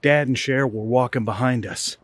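A middle-aged man, telling a funny personal story in an animated, comic way. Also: mid-range voice, normal speed, no echo. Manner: animated, comic, builds to excited outbursts. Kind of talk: casual spoken storytelling.

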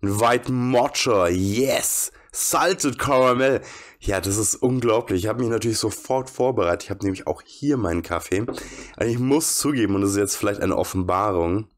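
A man's voice: on the low side, quick pace, darkish tone. A man commenting playfully and sarcastically while playing a horror game as a let's play host.

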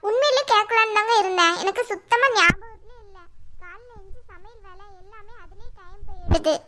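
Poomari, high bright cartoon wife, voiced by a woman. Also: normal speed, slight background noise. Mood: defensive. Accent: Tirunelveli Tamil. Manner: pleading, defensive. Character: defensive young wife Poomari, quick-tempered. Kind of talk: cartoon voice acting.

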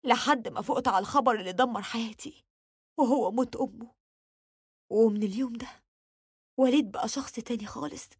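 A woman's voice: on the high side, breathy edge, no room sound, studio quality. A woman with an Egyptian accent telling a dramatic first-person story in an emotional, confessional way.

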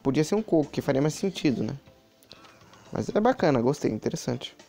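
A man's voice: mid-range voice, very animated, brisk, gravelly, warm tone. A man giving chatty, casual commentary while playing a mobile game, talking to his viewers with many asides. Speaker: mobile game channel host.

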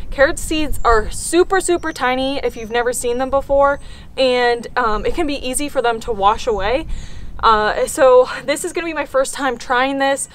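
A homesteading vlogger strolls through her backyard garden outdoors, casually explaining what she has planted. Her voice is on the high side and fairly bright.

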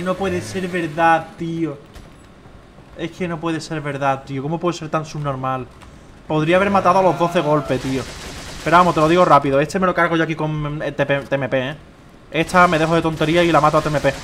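A young man with a Spain Spanish accent, chatting slangily through his own gameplay, rambling and swinging between excited shouts and low muttering. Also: slight background noise. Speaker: gameplay streamer. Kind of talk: casual gameplay commentary.

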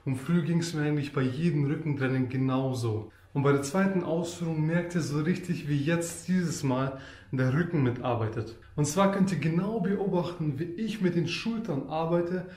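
A man's voice: fairly high pitch, normal speed, a little mellow, reverberant. A man coaching viewers through back exercises in a home gym tutorial, explaining and repeating the key points. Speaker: fitness coach.

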